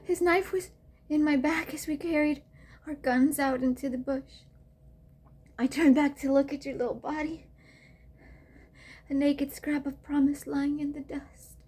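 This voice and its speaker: A woman's voice: high voice, fairly even intonation, measured pace, long pauses, darkish tone. A woman performing a monologue as a young mother, a former child soldier, grieving her baby, tearful and often dropping to a whisper. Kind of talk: dramatic monologue rehearsal.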